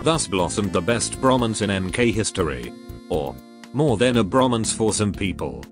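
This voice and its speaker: A man's voice: lowish voice, lively intonation, normal speed, music in the background. A man narrating a scripted video game story review in a blunt, joking, sweary way.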